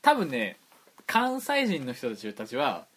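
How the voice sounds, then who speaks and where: A man's voice: medium pitch, huge pitch swings, unhurried, fairly bright tone, slightly rough. A man with a Toyama accent co-hosting a casual radio chat, rambling and often restarting his words. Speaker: radio show co-host.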